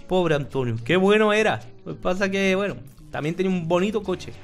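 A man putting on a high-voiced rambling stoner. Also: expressive, brisk, faint music behind. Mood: goofy, rambling. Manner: rambling, swearing, keeps calling people "my brother". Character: stoned, rambling drug-addict man, hotheaded and silly. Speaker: gaming YouTuber in character. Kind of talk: comic in-character commentary over gameplay.

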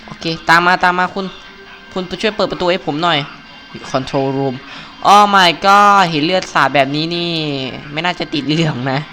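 A man's voice: high-pitched, normal speed, sharp tone. A young man commentating live over a game, talking casually into a home mic. He stays chatty and playful, with frequent exclamations and jokes at what happens on screen. Game sounds and faint music run beneath his voice. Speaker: gaming channel host. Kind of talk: live Let's Play commentary. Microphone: home mic, recorded live over gameplay.

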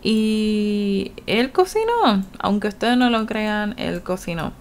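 Speaking slowly but with animation in a mid-range voice, this gaming YouTuber has a Puerto Rican Spanish accent. Her gameplay commentary is relaxed and talkative, full of laughter and character voices.

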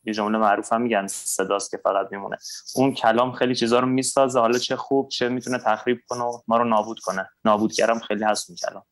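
A male TV host politely relays viewer questions, hesitating often with fillers. His delivery is flat and monotone. The sound is dry and close. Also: on the low side, no room sound. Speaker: TV show host. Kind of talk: TV talk show hosting.

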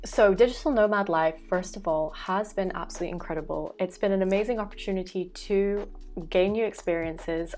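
A young woman from Belgium, a vlogger and life coach, talking earnestly to camera about her life, thoughtful with occasional fillers and self-corrections, in a small room at home. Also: fairly low pitch. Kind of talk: reflective talking-head vlog. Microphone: fixed camera, framed chest-up.

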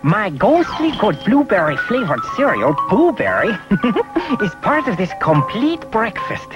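Slow, swooping cartoon ghost. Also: male voice, high voice, wildly swooping pitch, full character voice. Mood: droll. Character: droll, giggly male cartoon ghost cereal mascot. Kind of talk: 1970s cartoon cereal commercial. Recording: dull old TV ad, loud music.

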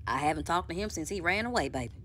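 A woman's voice: on the low side, animated, racing, fairly bright tone, a little hiss or hum. A woman voicing frightened coworkers in a nursing home skit, pleading and screaming for help. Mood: nervous.

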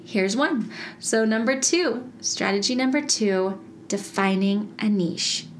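She talks slowly at a medium pitch, hosting a casual solo podcast in a chatty, bubbly manner and laughing frequently as she speaks to her audience. Some slight background noise can be heard.

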